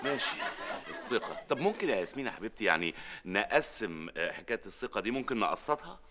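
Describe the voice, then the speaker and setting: A man's voice: fairly low pitch, sing-song, fast talker, over a noisy crowd, very noisy. An actor playing a harried middle-aged father, sarcastic and exasperated, in a sitcom. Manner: exasperated, sarcastic, rises to shouting rants. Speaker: sitcom lead. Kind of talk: sitcom acting.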